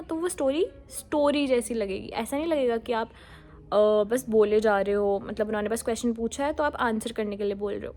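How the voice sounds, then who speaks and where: A woman's voice: a little high, darkish tone. A woman giving casual, friendly exam-prep advice straight to viewers, mixing English words into her talk. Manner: mixes Hindi with English words, friendly and direct.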